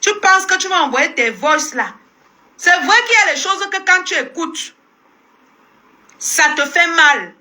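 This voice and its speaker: A Cameroonian woman hosts a phone live stream and rants at her audience. Her voice is high and sharp, with a tense edge. She scolds and fights back, circling the same lines again and again. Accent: Cameroonian French. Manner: combative, scolding, repeats herself. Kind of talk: heated live-stream rant.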